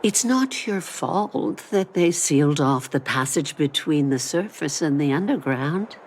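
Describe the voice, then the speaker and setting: An actress playing a tender older mother, speaking softly and slowly over game music. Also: low-pitched, expressive, a little hiss or hum. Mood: soothing. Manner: soft, slow and soothing. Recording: game score underneath.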